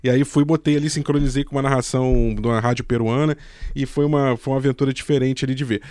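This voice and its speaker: A man giving his views on a casual sports podcast, animated and full of quick restarts. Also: mid-range voice, dry recording, studio quality. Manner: rapid, animated, hesitant restarts. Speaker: podcast panelist.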